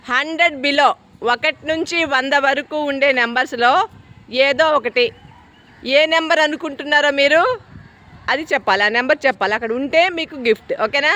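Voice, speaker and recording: Outdoors, a school teacher runs a number guessing game with her pupils, giving brisk commands and mixing in English phrases. Her voice is high, bright, and forceful.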